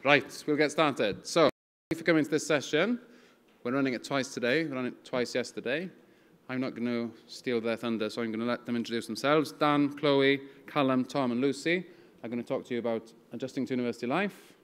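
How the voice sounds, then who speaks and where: A man with a mid-pitched voice hosts a panel session. He is casual and encouraging, addressing the speakers and the audience informally. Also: brisk, fairly bright tone, clean tone, big-room sound. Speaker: session host, moderator.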